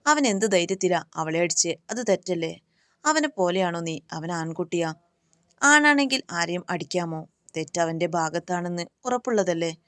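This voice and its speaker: A woman reads a fearless young heroine in a storybook reading. Her words are firm and scolding. The voice sits low and sounds close and dry. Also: expressive, normal speed, fairly bright tone, no echo. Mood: indignant. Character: bold young woman who stands up to bullies.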